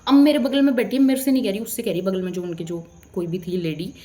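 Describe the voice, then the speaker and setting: A woman's voice: medium pitch, fairly even intonation, quick pace, dark tone. A young woman telling a storytime vlog in a heated, indignant rant. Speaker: vlogger.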